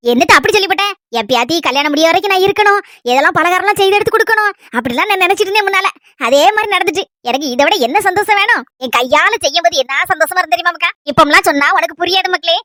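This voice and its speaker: A woman's voice: very high-pitched, animated, rapid-fire, pushed and bright, no echo, studio quality, heavily acted. A woman voicing a chatty, doting old village grandmother in a comedy skit, with a Kanyakumari Tamil accent and fond, rambling talk. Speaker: grandmother visiting her married granddaughter.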